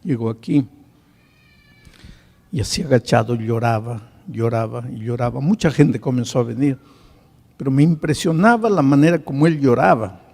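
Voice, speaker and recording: A male pastor telling a story in a sermon, swinging from hushed to loud. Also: medium pitch, normal speed, big-room sound.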